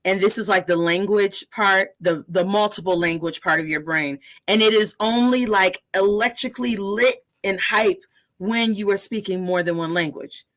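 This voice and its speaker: A woman in her thirties hosting a casual interview, energetic and sprinkling Spanish words into her English. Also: medium pitch, moderate pace. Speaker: podcast host.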